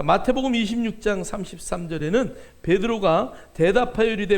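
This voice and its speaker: High, gravelly-voiced man preaching. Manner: conversational preaching with many fillers and drawn-out emphasis. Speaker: pastor. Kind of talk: sermon.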